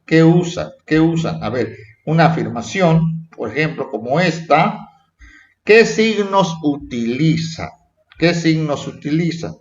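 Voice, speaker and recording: A man teaching a children's class, repeating himself and checking in with the kids. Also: fairly high pitch. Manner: repetitive, checking in with "¿sí?" and "¿eh?". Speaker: primary school teacher. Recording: echoey dull lo-fi room recording.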